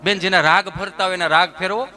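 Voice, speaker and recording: A folk stage comedian with a Kathiawadi Gujarati accent, his voice high and bright as he spins funny stories. He talks in a lively, down-to-home way and jumps into his characters. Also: quick pace, soft background music. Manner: animated, folksy, acts out the characters. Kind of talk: humorous stage storytelling.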